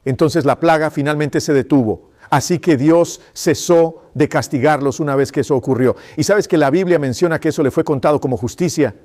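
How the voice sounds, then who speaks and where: A male preacher delivers a sermon in a voice pitched a little high. He talks with insistent emphasis. He keeps putting rhetorical questions to his congregation. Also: a little fast, few pauses, a little mellow.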